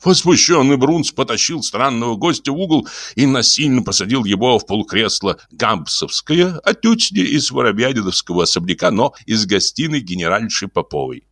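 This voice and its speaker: A man narrating an audiobook in a lively, expressive reading. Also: mid-range voice, moderate pace, few pauses, no echo. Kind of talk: scripted narration.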